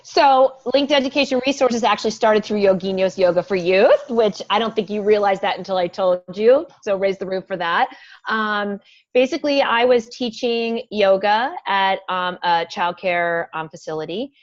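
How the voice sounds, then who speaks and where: Animated woman educator, dull dry sound. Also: mid-range voice, moderate pace, no echo. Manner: animated, acts out classroom phrases. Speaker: special education teacher, podcast guest. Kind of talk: casual interview chat.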